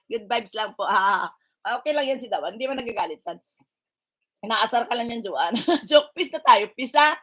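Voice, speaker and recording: A woman's voice: a little high, animated, normal speed, fairly bright tone. A woman hosting a casual livestream, teasing and bantering with her viewers and mixing in English phrases. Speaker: livestream vlogger greeting viewers. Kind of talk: casual live-stream chat.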